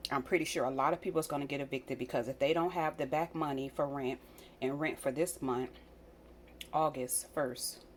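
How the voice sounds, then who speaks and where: American lady vlogger, pretty low voice, earnest casual chat, repeats herself, bit of background noise. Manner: earnest, repeats phrases for emphasis. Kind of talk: casual direct-to-viewer chat.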